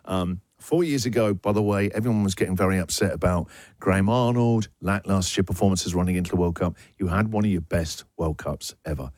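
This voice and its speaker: A man hosting a radio breakfast show in a studio, talking with energy and enthusiasm, his voice jumping up when he gets excited. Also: low voice, brisk, no echo. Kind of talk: lively radio banter. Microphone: studio broadcast mic.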